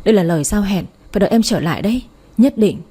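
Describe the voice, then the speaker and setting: A devoted young woman choking back tears, as a woman narrator voices her in a spoken romance story. The voice is warm and breathy, pleading yet stubborn. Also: mid-range voice, lively intonation, fast. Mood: tearful, determined. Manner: tearful, pleading.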